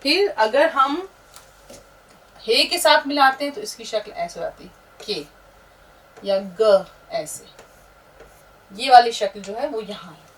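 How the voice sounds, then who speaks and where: Female teacher, higher voice, patient explainer, mic a touch distant. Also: expressive, moderate pace, fairly bright tone. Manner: patient, explaining, pointing at letters as she writes. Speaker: Urdu teacher. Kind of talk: step-by-step script lesson.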